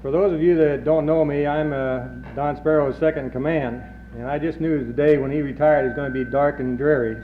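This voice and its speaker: A man's voice: fairly high pitch, fairly quick, hardly any pauses. Man reading a tribute on old worn tape. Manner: steady, slightly self-correcting, light asides. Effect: on old worn reel-to-reel tape. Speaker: second in command giving a retirement tribute. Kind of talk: reading a career history at a party. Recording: dull worn 1970s tape with faint noise.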